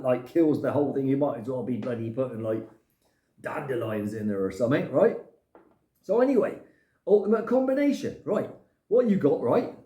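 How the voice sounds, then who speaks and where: A man's voice: mid-range voice, dark tone. A man chatting casually to camera as a vlogger, rambling and sprinkling his talk with mild swearing. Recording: echoey room.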